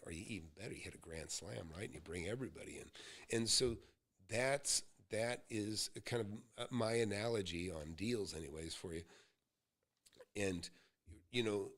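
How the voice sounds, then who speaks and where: A man in his sixties from the United States, with a fairly low, fairly bright voice, hosts a live Q&A as a real estate mentor. He gives his advice in a folksy, rambling storytelling style.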